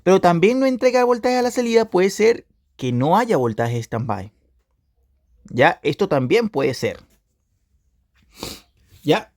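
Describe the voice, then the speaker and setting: Lively man teaching electronics repair. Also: sits high, a little slow, pauses often, no room sound, studio quality. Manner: repetitive, asks "¿ya?" to check understanding. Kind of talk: video class lecture.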